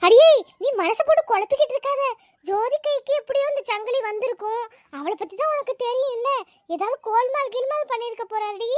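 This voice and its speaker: A sharp-tongued old village grandmother from a cartoon, voiced by a woman, grumbling and scolding. The voice sits very high and squeaky. It is recorded dry and close, with no room sound. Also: a little fast, no echo. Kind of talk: cartoon voice acting.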